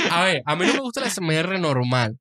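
A young Venezuelan man co-hosting a casual podcast, telling stories with lively acted-out quotes and frequent laughter. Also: on the high side, dry recording, studio quality. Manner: animated storyteller, laughs often, acts out quotes. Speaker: podcast co-host. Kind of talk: casual chat.

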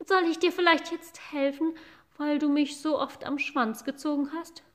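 A woman voicing a sly, spiteful female house cat who speaks with smug, slow menace in a storybook reading. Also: high voice, steady tone, fairly bright tone, pitched above the performer's own voice.

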